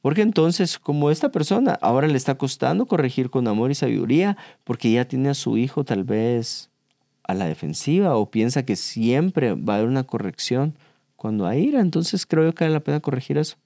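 Animated man giving advice. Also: medium pitch, brisk, creaky, no echo, clean studio sound. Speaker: podcast co-host. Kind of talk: casual faith-based parenting talk.

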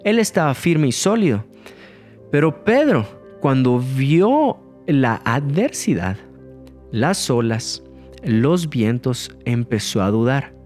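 A man preaching an emphatic sermon, swinging his pitch up and stretching words out to stress a point. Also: darkish tone. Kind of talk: recorded sermon.

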